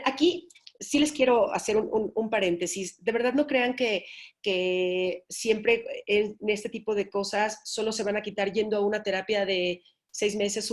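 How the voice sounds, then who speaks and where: A woman speech therapist giving an informal talk to parents, often checking in with "¿sí?". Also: medium pitch. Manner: explanatory, checks in with "¿sí?". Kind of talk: informal lecture.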